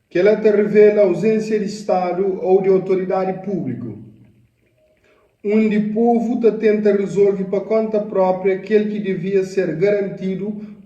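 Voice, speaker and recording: A man's voice: high-pitched, dark tone, roomy sound, far from the mic, lo-fi sound. A man giving casual, opinionated commentary on a video clip, talking loosely in slang and dropping in English phrases.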